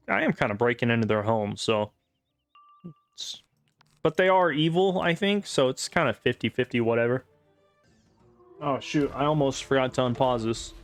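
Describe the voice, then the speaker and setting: A man giving casual, rambling gameplay commentary, sarcastic and full of swearing. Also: medium pitch. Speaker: gamer.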